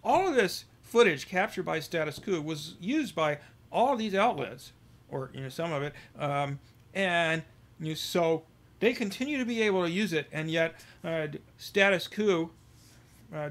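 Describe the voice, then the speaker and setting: A male podcast host riffs casually on news stories, reading quotes aloud and speaking haltingly with lots of fillers while his volume swells and dips. His voice sits a little high, with a fairly bright tone.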